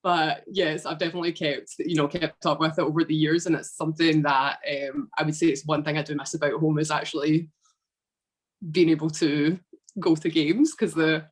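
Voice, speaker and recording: Low-voiced Scottish woman, chatty. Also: moderate pace. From Scotland. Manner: chatty, relaxed, frequent fillers. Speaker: podcast guest. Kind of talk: casual interview.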